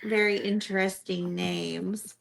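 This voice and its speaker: Female co-host, casual book talk, slow and easygoing. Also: medium pitch, fairly even intonation, gravelly, fairly bright tone, a little hiss or hum. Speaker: book club podcast co-host. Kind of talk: casual chat.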